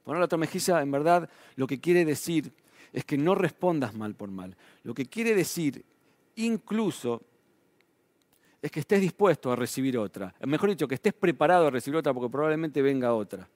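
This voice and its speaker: A man's voice: on the high side, animated, normal speed, darkish tone, dry recording. A man preaching a sermon in a Rioplatense Spanish accent, talking in a conversational way with frequent tag questions and his voice rising and falling for emphasis. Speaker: pastor.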